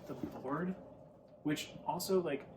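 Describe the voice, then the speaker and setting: A man's voice: a little high, slow. Rambling, enthusiastic man co-host, distant mic. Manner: rambling, enthusiastic, laughs often. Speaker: podcast co-host. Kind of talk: casual chat. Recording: distant mic with clear background noise.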